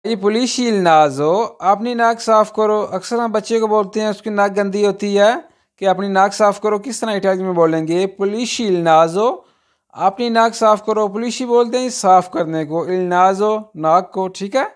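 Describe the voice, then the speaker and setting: High-voiced man teaching a language lesson. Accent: Pakistani Urdu. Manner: repeats each phrase slowly, keeps saying "thik hai" between points.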